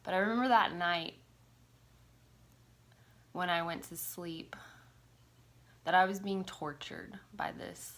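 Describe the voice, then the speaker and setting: Lower-voiced woman telling a personal story. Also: slow pace, long pauses, a bit bright. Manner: casual, confessional, lots of "like" fillers; swears casually. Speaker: vlogger.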